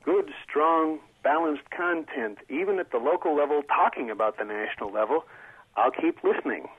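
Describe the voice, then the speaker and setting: A husky-voiced man calling in to a radio show, coming through a thin, tinny phone line. He speaks earnestly and with strong opinions, and he often breaks off to restart his sentences. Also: a little high, lively intonation, normal speed. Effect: heard over a phone line on the radio. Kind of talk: call-in comment to a public radio show.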